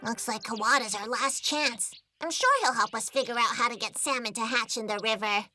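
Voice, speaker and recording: A woman's voice: fairly high pitch, steady tone, brisk, bright, forceful tone, faint music behind. A woman voicing a bossy, earnest schoolchild who leads the gang in an overacted anime dub, with emphatic delivery. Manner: emphatic, take-charge delivery. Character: bossy, earnest schoolchild leading a group of friends.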